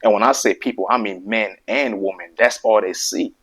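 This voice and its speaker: With a fairly low pitch, a fairly bright tone, and a slightly rough sound, a man moves at a moderate pace through a casual opinion monologue to camera on his own video. He stutters and repeats words while driving home emphatic points over and over.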